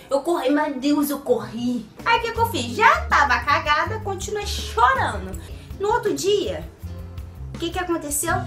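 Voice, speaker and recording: A young woman from Brazil, a vlogger telling a comic story in a lively, dramatic way. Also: high voice. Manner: animated, dramatic, swings into put-on voices and sung bits. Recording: echoey room with faint music.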